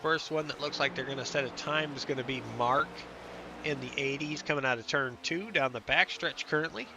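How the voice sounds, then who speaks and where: Sick with a cold, the man doing play-by-play for an online race broadcast chats his way through lap times in a stuffy, nasal voice. He speaks at a mid-range pitch and a bit quickly, and the background is noisy.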